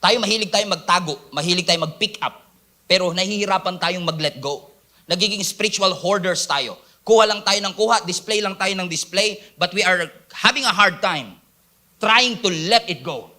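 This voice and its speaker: Man, pastor, sermon, high pitch, bright tone, asks the crowd to answer. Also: normal speed. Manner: preaching in Taglish, acting out excuses in quoted voices; asks the congregation for responses.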